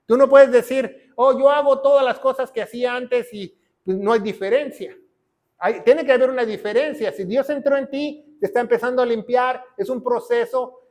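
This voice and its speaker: A man preaches emphatically in a strikingly high voice. He swings between loud declarations and quiet, low lines. He keeps checking in with his listeners through short tag questions. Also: fairly even intonation, moderate pace. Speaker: pastor. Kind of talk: sermon.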